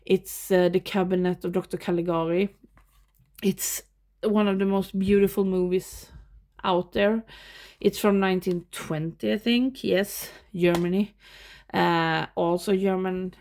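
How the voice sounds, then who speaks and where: A Swedish woman with a Swedish accent gives a relaxed show-and-tell of her film collection at home. She talks slowly and unhurriedly in a fairly low voice, and she laughs often between remarks. Her first language is Swedish, though she speaks English here. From Sweden. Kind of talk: casual show-and-tell vlog. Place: home room with movie shelves.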